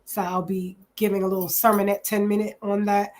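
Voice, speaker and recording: Woman, 40s, from New Jersey, relaxed chatty interview guest, lots of ums. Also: medium pitch, a little fast. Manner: chatty, many ums, says "literally" often. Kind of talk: casual interview self-introduction.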